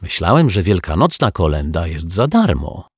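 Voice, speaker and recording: A man's voice: low voice, sing-song, measured pace, creaky, husky, no room sound, clean studio sound, heavily acted. A man doing a grumbling, self-arguing detective. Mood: wry. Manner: argues with himself, puzzled, wry. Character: quarrelsome bumbling male detective, grown man. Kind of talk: audiobook character voice.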